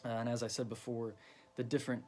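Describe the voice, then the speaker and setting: A man explaining a ritual step by step in a loose, halting way, with many ums and you-knows. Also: medium pitch, little pitch movement, darkish tone, a little hiss or hum. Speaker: occult teacher. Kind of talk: casual explanatory lesson.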